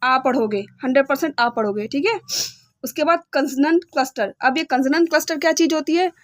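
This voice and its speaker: A young woman teaching beginner English phonics, slowly spelling out each sound and often checking that her learners follow. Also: high voice, dry recording, studio quality.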